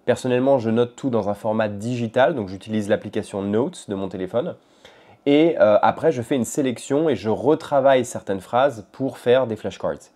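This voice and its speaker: A man chatting casually at home in a vlog about language learning, talking in a relaxed, rambling way with frequent hesitations. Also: mid-range voice, normal speed. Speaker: language-learning vlogger and podcaster. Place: at home in his apartment.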